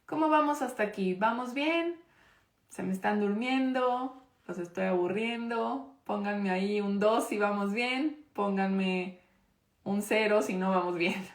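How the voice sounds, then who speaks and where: A woman's voice: medium pitch, unhurried, echoey room. A woman teaching a live online parenting class. She talks conversationally, checks in with her audience often and stresses her key points. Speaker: parenting course instructor.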